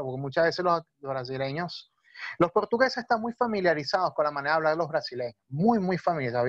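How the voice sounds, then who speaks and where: Patient male teacher, a bit high, dry lo-fi video call audio. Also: no room sound. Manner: patient, many fillers and checking questions. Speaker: language teacher. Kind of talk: explaining in a video-call talk.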